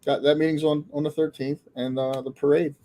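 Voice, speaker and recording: A man co-hosts a casual live chat, his voice mellow and dark with little rise and fall. He talks haltingly, stopping and restarting his sentences. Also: fairly high pitch, level tone. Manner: halting, many fillers and restarts. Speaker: co-host.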